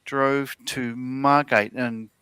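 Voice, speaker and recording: A man's voice: medium pitch, steady tone, very slow, pushed and bright, clear, resonant tone. A middle-aged Australian man co-hosting a livestream, chatting casually and telling rambling stories with lots of fillers and restarts. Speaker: livestream co-host. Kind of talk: casual chat.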